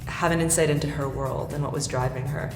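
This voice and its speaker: A woman's voice: low voice, fairly even intonation, a little fast. A woman talking thoughtfully in an interview. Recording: echoey hall with music behind.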